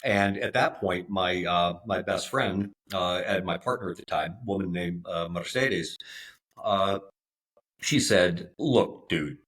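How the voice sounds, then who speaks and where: A man in his fifties, a podcast guest, speaking in a halting way with many fillers and restarts. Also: low voice, a bit bright. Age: 50s. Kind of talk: conversational interview.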